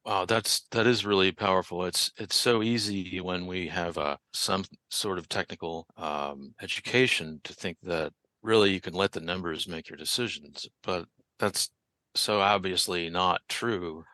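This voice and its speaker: Man, low pitch, dry close sound, co-host, reflective and hesitant. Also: a little slow, bright, forceful tone, dry recording. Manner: thoughtful, reflective remarks with hesitations. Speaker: podcast co-host. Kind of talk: casual interview.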